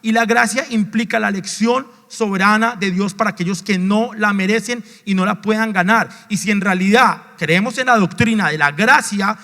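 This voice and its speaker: A male pastor delivers a sermon in a high voice that rises to emphatic declarations, then drops to low, almost muttered asides. He repeats words and restarts phrases as he goes. His voice rings with the long reverb of a large church sanctuary. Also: pushed and bright. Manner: swings between raised emphatic lines and low, near-muttered asides.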